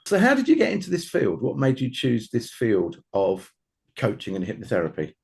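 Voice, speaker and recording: A man's voice: mid-range voice, huge pitch swings, normal speed, creaky, darkish tone. A man hosting an interview podcast, reading a formal intro and asking his guest questions. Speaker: podcast host.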